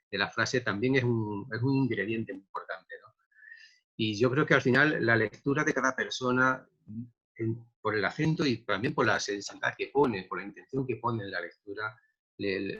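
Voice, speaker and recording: A man from Andalusia with a softened Andalusian accent, a poet speaking reflectively and hesitantly in an interview. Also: on the low side, husky, dull audio. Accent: softened Andalusian Spanish. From Andalusia, Spain. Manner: reflective, hesitant, many repeated words. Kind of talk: remote interview conversation.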